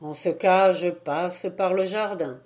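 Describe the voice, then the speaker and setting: Woman reading an easygoing country priest, firm, a little loud. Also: lowish voice, takes it slowly. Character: jovial good-natured country priest, man.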